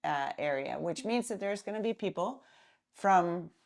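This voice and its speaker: A woman, co-hosting a podcast in unhurried casual chat full of filler pauses. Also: lowish voice, lively intonation, creaky. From Denmark. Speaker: podcast co-host.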